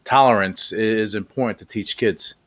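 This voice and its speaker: A man's voice: fairly low pitch, normal speed, a bit bright. A man hosting a radio talk show, interviewing a guest in a casual, rambling way with many repeated words.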